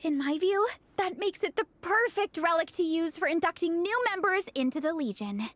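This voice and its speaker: Gung-ho young club captain, very high and lively, quiet music behind; game cast. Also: female voice, moderate pace. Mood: eager. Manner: enthusiastic, earnest. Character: eager young woman leading a fan club. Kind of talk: game dialogue.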